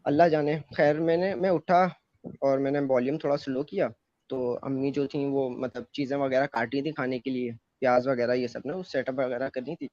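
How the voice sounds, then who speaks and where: Speaking a little fast in a darkish, medium-pitched voice with fairly even intonation, this man loosely recounts something that happened to him, full of fillers and false starts. It's a dry, close-miked recording that comes across dull and muffled.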